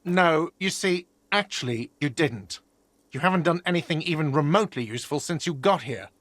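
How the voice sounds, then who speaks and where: An actor playing an irritated, dismissive hostel manager in a video game, speaking sarcastically. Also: male voice, on the high side, lively intonation, moderate pace, a bit bright, dry recording.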